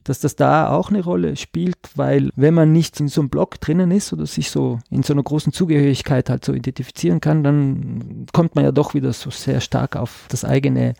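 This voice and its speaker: His speech is brisk and gravelly, fairly even in intonation with few pauses, and mellow in tone, heard in clean studio sound without room echo. The speaker, an artist from South Tyrol in Italy with a South Tyrolean German accent, is a reflective podcast guest who searches for words, restarting often and filling gaps.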